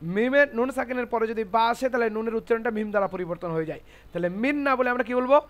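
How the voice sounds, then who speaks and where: Man, high voice, Quran teacher, classroom lesson, repeats the rules, quizzes the class. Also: highs cut off. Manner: explains slowly, repeats rules and asks the class checking questions; spells out Arabic letters syllable by syllable.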